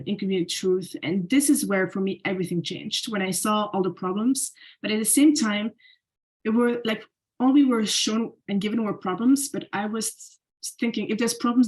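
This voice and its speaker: As a guest on a podcast, a young woman from Belgium presents slides in a casual way, restarting often and filling gaps with "like." Her voice sits at medium pitch, and the recording quality is low.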